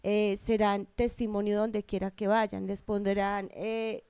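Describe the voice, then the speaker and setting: A woman's voice: medium pitch, flat delivery, takes it slowly, mellow, clean tone, no room sound. Hesitant woman speaking in Bible study. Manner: hesitant, with many restarts and fillers. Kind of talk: speaking up in a group discussion. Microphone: handheld microphone passed to her.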